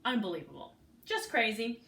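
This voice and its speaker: A woman teacher reading a storybook aloud to her pupils from her living room, in an expressive manner. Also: a little high, normal speed, vocal fry. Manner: animated, expressive. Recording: echoey room, mic at a distance.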